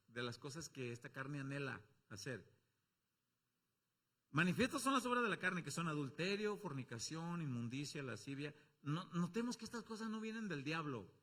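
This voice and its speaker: A man with a Mexican accent preaching a sermon as pastor, swinging from loud calls to low asides and acting out quoted voices. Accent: Mexican Spanish. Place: church.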